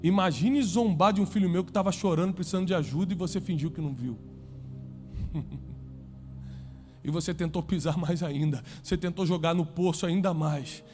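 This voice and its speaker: A man with a Brazilian Portuguese accent preaching a sermon to a congregation, emphatic, with rhetorical questions and climbs toward near-shouts. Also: high-pitched, moderate pace, long pauses, soft background music. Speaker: pastor. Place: church before a congregation.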